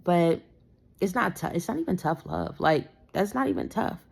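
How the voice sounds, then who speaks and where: A young woman talks through a parenting story in a loose, rambling way, full of "you know" and "like." Her voice sits a little low and carries a lot of vocal fry. She sounds like she is just chatting to her audience. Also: lively intonation, moderate pace. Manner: rambling, conversational, frequent fillers. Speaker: parenting vlogger. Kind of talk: casual storytime monologue.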